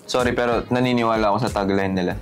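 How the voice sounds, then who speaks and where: A man's voice: fairly low pitch, steady tone, fast. A man co-hosting a casual chat, easygoing and fond of stories, speaking. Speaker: co-host. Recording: faint music underneath.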